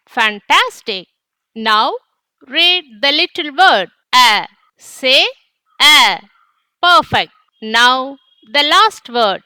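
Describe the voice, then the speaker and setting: Super bright lady doing a kids phonics lesson, talks to them like toddlers, really slow and encouraging. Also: high-pitched, no echo. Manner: sounds out letters and words with deliberate pauses. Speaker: phonics teacher for young children. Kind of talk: children's reading lesson, scripted.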